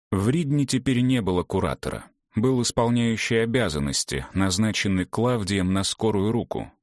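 Low-voiced male audiobook narrator. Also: dry recording, studio quality. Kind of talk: scripted narration.

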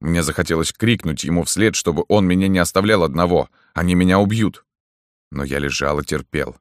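A man narrating a first-person novel in a steady, even reading. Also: very deep voice, brisk, no room sound, clean studio sound. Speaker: audiobook narrator.

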